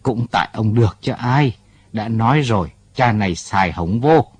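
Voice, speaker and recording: A man voicing a sharp-tongued young wife who scolds. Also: lowish voice, expressive, normal speed, husky, no room sound. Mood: scolding. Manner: scolding, reproachful.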